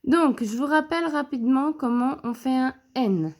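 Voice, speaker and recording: A woman teacher giving a slow handwriting lesson to young pupils, counting each stroke aloud, filmed on her phone at a desk. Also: high-pitched, darkish tone, a little hiss or hum. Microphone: phone camera.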